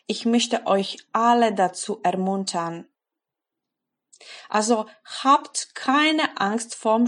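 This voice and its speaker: A woman, a German speaker, giving a scripted and encouraging language lesson. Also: mid-range voice. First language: Polish. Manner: encouraging, careful, deliberate. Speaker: language teacher.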